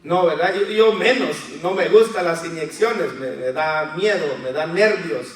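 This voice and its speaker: A man's voice: a little high, a little slow. A man preaching a sermon, asking the congregation questions and calling them brothers and sisters. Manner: acts out voices of children and believers in quotes. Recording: very echoey hall, voice from far off.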